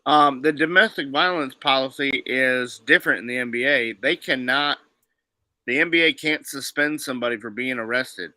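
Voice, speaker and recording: Sharp-voiced, matter-of-fact male co-host. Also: mid-range voice, moderate pace, dry recording. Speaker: podcast co-host. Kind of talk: casual sports chat.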